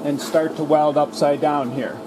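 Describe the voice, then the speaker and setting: A man calmly walking through a sheet metal welding job step by step, reassuring the viewer as he works in a garage. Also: a little high, a little slow, background noise. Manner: calm, reassuring, step-by-step explaining. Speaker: auto body repair instructor. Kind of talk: welding tutorial narration.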